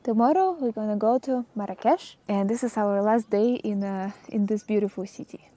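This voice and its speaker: A woman's voice: mid-range voice, moderate pace, dark tone. A woman with a Russian accent talking casually as a travel vlogger. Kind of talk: casual vlog chat.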